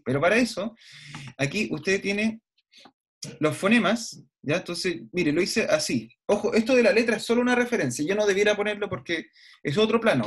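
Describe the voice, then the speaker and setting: A man teaching an online class, explaining step by step and often checking in with his students, with some hesitant fillers. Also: sits high. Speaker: university lecturer. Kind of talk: online lecture.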